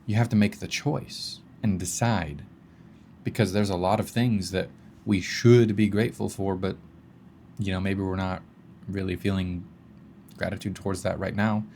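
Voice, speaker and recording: A man's voice: low-pitched, steady tone, moderate pace, a little mellow, slight background noise. A man speaking as a coach in a casual self-help talk, guiding the listener through exercises and swearing now and then.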